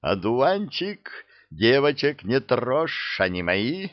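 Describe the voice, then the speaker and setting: A man voicing a scheming, excitable male swindler in an audiobook, with a whiny manner. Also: medium pitch, slow pace, no echo, highs cut off, voice pushed up. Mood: panicky.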